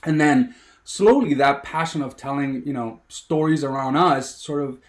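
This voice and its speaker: A Miami man in his thirties, a sports producer, tells his story as a guest in a casual interview, speaking at normal speed in a medium-pitched voice. He's eager and rambling, filling everything with "you know."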